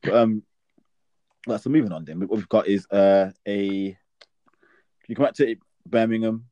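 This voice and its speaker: A man's voice: lowish voice, moderate pace, warm tone, no echo, highs cut off. A man chatting casually as a host, in a slang-heavy, laddish London roadman accent, affirming what his friend says. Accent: British urban slang accent, London roadman style. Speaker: podcast host interviewing a friend. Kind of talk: casual chat.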